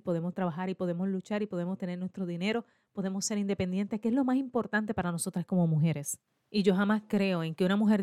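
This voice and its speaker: A woman's voice: mid-range voice, dry recording, clean studio sound. A woman in her forties with a Puerto Rican accent, a school librarian telling her own story to listeners and acting out both sides of her conversations. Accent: Puerto Rican Spanish. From Puerto Rico. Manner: lively, acts out both sides of her dialogues. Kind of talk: personal storytelling to an audience.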